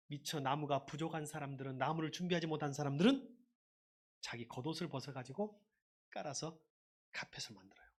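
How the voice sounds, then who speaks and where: A man preaching a sermon as a pastor, lively and conversational, leading his congregation in call-and-response shouts. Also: fairly high pitch, a little fast.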